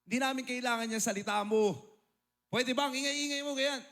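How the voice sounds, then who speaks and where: A man's voice: level tone, moderate pace. A male preacher voicing an irritated middle-aged aunt who scolds someone in a raised voice. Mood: scolding. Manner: scolding, shrill protest.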